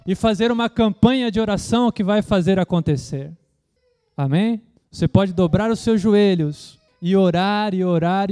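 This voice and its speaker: A man's voice: high-pitched, clear, resonant tone. A man preaching a sermon, often asking the congregation rhetorical questions and calling for amens. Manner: preaching with frequent rhetorical questions and calls of amen; acts out loud shouting prayers as a mock imitation. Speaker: pastor.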